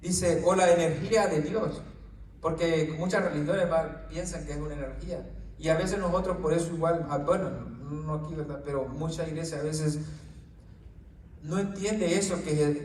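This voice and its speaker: Recorded from a distance in an echoey room with a faint hiss, a man with a fairly high, slightly mellow voice preaches informally to a small gathering. He frequently says "right?" and "brother," occasionally tripping over his words.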